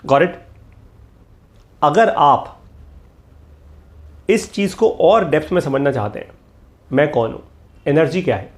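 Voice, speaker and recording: A man's voice: a little high, big pitch swings, takes it slowly, long pauses. A middle-aged man teaching a motivational course, emphatic and repetitive, slipping English phrases into his talk. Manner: emphatic, repeats key lines, mixes English phrases.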